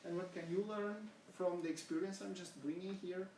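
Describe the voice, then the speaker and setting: A middle-aged education researcher from Portugal speaks English with a Portuguese accent, his voice sitting high and a little mellow, with fairly even intonation and normal speed. He earnestly delivers an academic seminar talk and asks the audience questions. The recording is remote, echoey, and faintly hissy.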